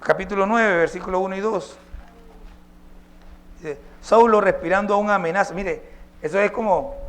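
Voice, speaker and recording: A male pastor preaching a sermon, emphatic and posing rhetorical questions to his congregation. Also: high voice.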